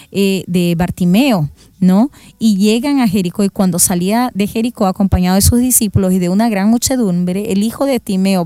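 A woman presenting a religious radio program, retelling Gospel stories and acting out the shouts of the people in them. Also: on the high side, no room sound. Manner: animated storyteller who acts out shouted quotes. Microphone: studio microphone.

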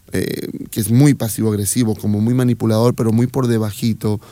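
A man's voice: medium pitch, warm tone, no room sound. A man in casual conversation, hesitant and full of fillers, who acts out little dialogues.

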